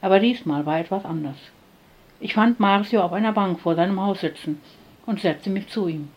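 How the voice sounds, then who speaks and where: A woman narrating a first-person story in a soft, calm reading voice. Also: mid-range voice, moderate pace, husky, lo-fi sound. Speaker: audiobook narrator.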